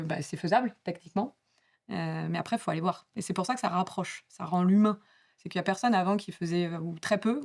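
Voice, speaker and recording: Woman panelist, low voice, loose casual delivery, lots of hesitation. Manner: chatty, many fillers, laughs at herself. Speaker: panelist at a business talk. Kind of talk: casual spoken explanation to an audience.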